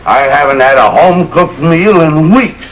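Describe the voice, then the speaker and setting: An actor playing an excitable middle-aged neighbor husband in a 1950s sitcom, blustering and loud. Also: male voice, on the high side, normal speed, close to an everyday voice, poor audio. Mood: grumbling. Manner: blustering, shouting in alarm. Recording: old TV soundtrack with faint hiss.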